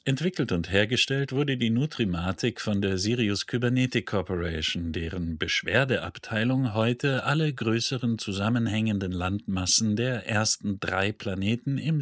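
A man narrating an audiobook in an even, measured storytelling manner. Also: on the low side, no room sound, studio quality. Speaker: audiobook reader. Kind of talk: scripted narration.

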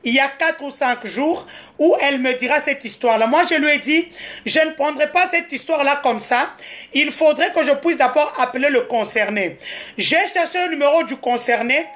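High-voiced Congolese woman streaming live. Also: moderate pace. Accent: Congolese French. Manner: animated, switching between French and Lingala. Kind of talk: casual live-stream storytelling.

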